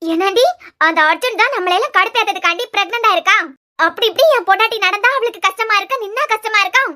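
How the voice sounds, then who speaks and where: A woman's voice: extremely high pitch, quick pace, bright, forceful tone. A woman voicing a scheming, spiteful young woman who sneers as she gossips, in a Kanyakumari Tamil accent, in a cartoon serial. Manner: sneering, indignant.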